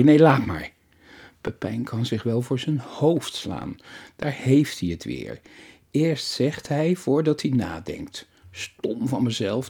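A man narrating a children's story aloud in a calm, even way. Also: fairly low pitch, slightly rough.

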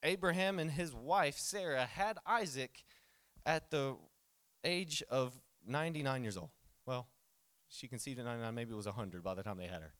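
A man, preaching a sermon in a lively, conversational way with jokes and asides. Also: mid-range voice, moderate pace, dry recording. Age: 30s. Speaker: pastor.

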